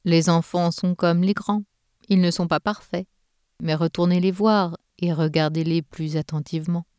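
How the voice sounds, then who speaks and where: A woman voicing a kindly old Santa Claus in a storybook tale, speaking slowly and soothingly. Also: lowish voice, fairly even intonation, darkish tone, smooth, no echo, studio quality, close to an everyday voice. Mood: gentle. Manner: slow, soothing.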